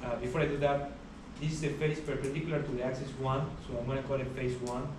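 A young man giving a university lecture in a large hall, explaining steadily with many pauses and uh fillers. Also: mid-range voice, level tone. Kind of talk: classroom lecture. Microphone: far camera at the back of the room. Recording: echoey hall recorded from far off, background hiss.

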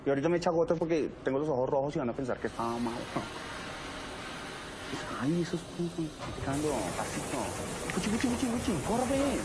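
A man's voice: fairly high pitch, background noise, lightly acted. A man playing a brash comic small-town comedian. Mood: fussy. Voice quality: brash, joking, shifts to silly baby talk. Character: boastful comic middle-aged male rural comedian. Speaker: stand-up comedian character. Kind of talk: comedy film acting.

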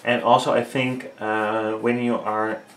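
With a lowish voice that barely moves in pitch, a man speaks at a measured pace with a slightly bright tone. He's a painting tutorial host whose native languages are Dutch and Frisian, and his accented English is hesitant, full of fillers and word-searching. The casual vlog is recorded in an echoey small home art studio.

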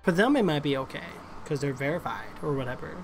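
A man's voice: fairly high pitch, animated, fairly quick, vocal fry. A man in his thirties chatting casually on a game live stream, slangy and chummy with his viewers like a gamer bro. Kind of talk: casual live-stream chat while gaming. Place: indoor room at a streaming setup. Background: music.

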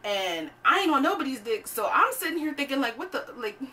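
A young woman telling a personal story to camera in a lively, conversational, profane way. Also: high-pitched, fairly quick, recorded from a distance. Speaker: vlogger. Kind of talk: storytime vlog.

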